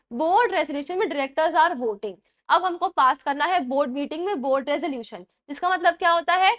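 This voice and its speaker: A young woman teaching a class and mixing English terms into Hindi, dictating slowly, repeating points and checking that her students follow. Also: high-pitched, a bit bright. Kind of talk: classroom lecture.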